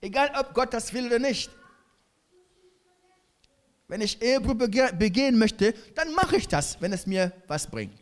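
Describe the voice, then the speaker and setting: A middle-aged male pastor delivers a sermon in a high, very lively voice that swings widely in pitch. He speaks slowly and deliberately, hammering points home through repetition. He turns to the congregation with direct questions.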